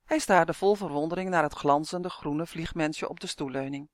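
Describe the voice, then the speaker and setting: A woman narrating a children's fantasy story aloud in an even, clear manner. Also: sits low, moderate pace, no echo, studio quality.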